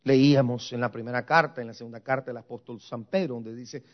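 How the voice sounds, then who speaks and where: A man's voice: medium pitch, steady tone, brisk. A man preaching a sermon as pastor and seminary teacher, asking rhetorical questions and repeating refrains. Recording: muffled lo-fi recording.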